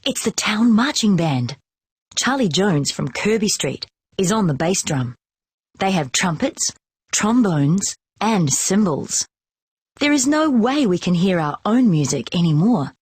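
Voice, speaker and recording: A woman reading a children's storybook aloud in a slow, expressive, clearly paced delivery. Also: medium pitch, no room sound, clean studio sound. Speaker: storybook reader.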